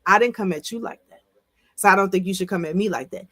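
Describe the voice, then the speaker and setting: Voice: mid-range voice, fast, fairly bright tone. A co-host of a casual podcast, speaking frankly and emphatically about relationships.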